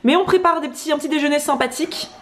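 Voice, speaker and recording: Speaking rapid-fire in a high voice, a young woman talks over slight background noise. She's a vlogger co-host in her home kitchen, chatting lively to camera and describing breakfast as she makes it.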